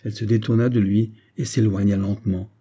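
A man reading a classic novel in a measured, even narration. His voice is very dark and mellow, with a husky edge. He keeps a fairly low pitch throughout. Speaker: audiobook narrator. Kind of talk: scripted narration.

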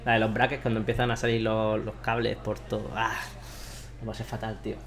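A man's voice: lowish voice, completely flat delivery, brisk. A man chatting casually with friends, laughing often and telling stories with animation. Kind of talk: casual chat among friends.

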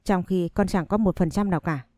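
A woman's voice: fairly low pitch, a little fast, mellow, no echo, clean studio sound, close to an everyday voice. A woman voicing a menacing unhinged young man. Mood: demanding.

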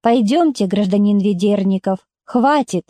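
A woman's voice: medium pitch, measured pace, dark tone, dry recording, clean studio sound, lightly acted. A woman reading aloud and voicing a stern male militiaman who talks in a bureaucratic, by-the-book way.

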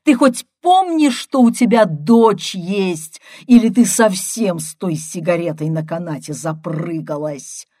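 A woman's voice: medium pitch, very animated, takes it slowly, hardly any pauses, dark tone. A woman voicing an exasperated young man who raises his voice indignantly, in an audiobook reading. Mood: shouting. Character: young man, exasperated brother, quick to shout.

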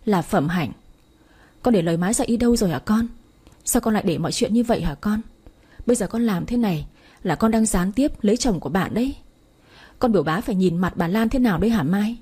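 A woman's voice: mid-range voice, dark tone, breathy edge, lightly acted. A woman reading the part of a worried, stern middle-aged mother who scolds her daughter. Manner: scolding, reproachful. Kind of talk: audiobook story reading.

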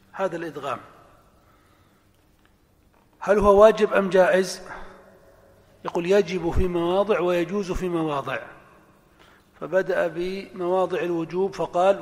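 A man with a high voice teaches grammar as a scholar, slow and measured, saying each example twice over. His lecture rings with the long reverb of a hall, heard as a recorded class. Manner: slow and deliberate, repeating examples aloud. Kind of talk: classroom lecture explaining a text.

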